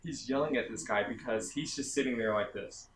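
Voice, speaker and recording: A man's voice: medium pitch, brisk. Young man telling a story in an echoey room. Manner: animated, self-dramatizing, many "like" fillers. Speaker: vlogger recounting basic training. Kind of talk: casual storytelling vlog. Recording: echoey room, faint background hum.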